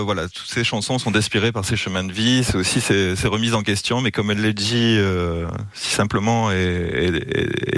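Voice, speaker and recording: A man speaking on a radio show as a guest, pausing often and filling gaps with filler sounds and restarts. His voice sits fairly low. The sound is close and dry. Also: fairly bright tone, no echo. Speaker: guest, venue communications manager. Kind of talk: radio interview by phone. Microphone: phone line.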